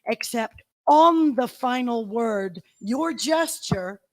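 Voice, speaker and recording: A woman's voice: fairly high pitch, lively intonation, no echo. A woman, an audiobook narrator, answering questions on a convention panel with wry humor. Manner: wry, laughing, unhurried.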